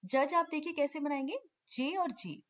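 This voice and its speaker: A woman's voice: high voice, moderate pace, fairly bright tone. A woman teaching shorthand in an online lesson, patiently repeating key terms and checking in often. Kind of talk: online lesson explaining step by step. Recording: lo-fi dull recording.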